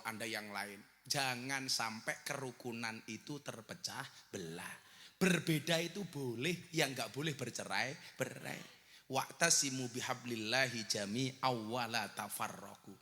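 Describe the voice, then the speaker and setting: A man's voice: medium pitch, sharp tone, big-room sound. A man preaching a humorous live sermon, teasing the crowd and breaking into sung prayers.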